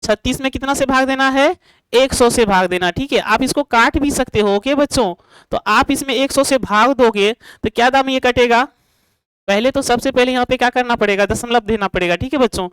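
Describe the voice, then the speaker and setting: Smooth-voiced teacher, asking and answering. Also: female voice, a little high, no echo, low-quality recording. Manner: poses rhetorical questions and answers them, checking in with students; drawn-out, repetitive explanation. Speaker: math teacher. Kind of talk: online classroom lesson.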